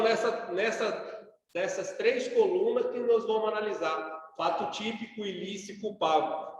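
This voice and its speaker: A Brazilian man lecturing on law in a relaxed, conversational style, tossing quick questions back to his class. His voice sits fairly high for a man. It rings through a very echoey hall with a long reverb tail. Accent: Brazilian Portuguese. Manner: colloquial, rhetorical questions and tags like "sacou?". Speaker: law professor.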